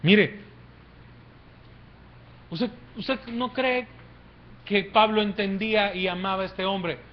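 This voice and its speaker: A male pastor preaching a sermon in church. His voice swings between hushed, low phrases and loud, rising exclamations. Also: steady tone, slow pace. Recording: dull lo-fi church recording.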